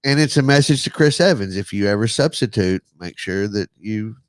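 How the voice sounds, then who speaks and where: A man's voice: on the low side, expressive, normal speed, dry recording. A man co-hosting a podcast, dropping casual wisecracks into the conversation. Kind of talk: casual joking banter.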